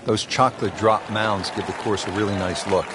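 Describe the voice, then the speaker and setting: A man working as a golf play-by-play commentator, calling shots in short, measured phrases. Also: on the low side, steady tone, a crowd in the background, noisy background, natural voice. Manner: addresses his co-commentator by name, short measured calls.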